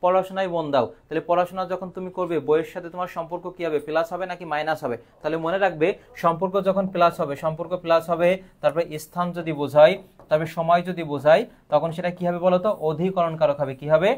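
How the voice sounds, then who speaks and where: Man, online grammar teacher, slightly high voice, quizzing then answering himself. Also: steady tone, fast talker. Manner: asks questions and answers them himself. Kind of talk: live online grammar lesson.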